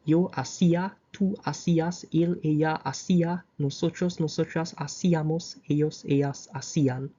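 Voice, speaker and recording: A Caribbean-accented teacher giving a language grammar lesson, reciting verb conjugations slowly and adding short explanations. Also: medium pitch, fairly even intonation, warm tone, slightly rough, highs cut off. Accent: Caribbean English. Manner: slow, deliberate reciting of conjugations with asides. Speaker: Spanish teacher.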